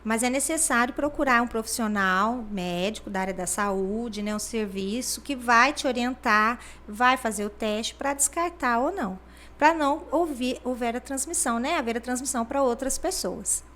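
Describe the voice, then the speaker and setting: There's a little hiss or hum under this woman's slightly high, fairly bright voice, which moves at a normal speed. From Brazil, she is a regional health superintendent giving an interview as a guest, explaining with many fillers like "né" and acting out the people she quotes.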